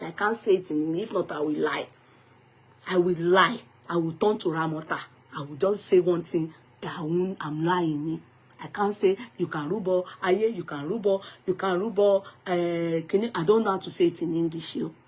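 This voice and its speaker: Husky Nigerian woman vlogger. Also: lowish voice, darkish tone. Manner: emphatic, mixes English with pidgin and Yoruba phrases. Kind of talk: gossip commentary vlog.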